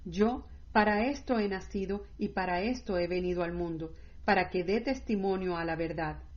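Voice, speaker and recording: A woman reading the lines of a calm, grave male prophet in her own measured voice, on dull lo-fi audio. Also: fairly low pitch, close to an everyday voice. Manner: read plainly in the narrator's own measured voice.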